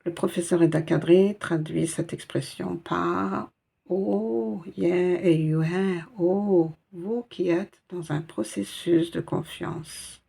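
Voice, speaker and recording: A woman's voice: fairly low pitch, fairly even intonation, takes it slowly, gravelly, hardly any pauses, dark tone, husky. A woman teaching a step-by-step Arabic reading lesson in French, patient and explaining each letter and sound.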